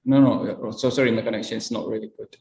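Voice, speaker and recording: A man presenting engineering answers over a video call, halting and searching for words as the bad connection makes his sound drop out. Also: fairly low pitch, fairly even intonation, gravelly, warm tone. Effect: choppy video call with the sound dropping out. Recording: echoey room over a weak online link, faint noise.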